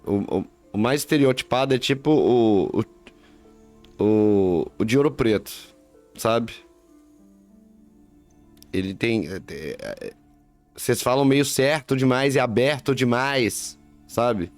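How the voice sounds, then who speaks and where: A man's voice: medium pitch, slow, pauses often. A man with a Minas Gerais accent, chatting casually and slangily while streaming a game. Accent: Minas Gerais Brazilian Portuguese. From Minas Gerais, Brazil. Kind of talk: casual gameplay commentary. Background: faint game music.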